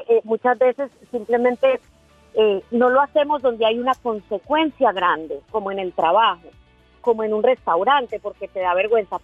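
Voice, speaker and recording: A woman guest expert giving clear, precise advice on calming anger in a podcast conversation. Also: on the high side, no echo. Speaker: guest expert in emotional control. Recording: tinny phone-line sound.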